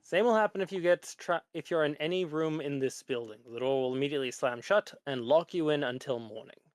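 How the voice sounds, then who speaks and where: A man voicing a calm lich professor in a tabletop game, speaking in a measured, explanatory, formal way. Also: on the high side, no room sound, studio quality, natural voice. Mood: instructive, reassuring. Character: lich professor in a metal mask, calm, instructive.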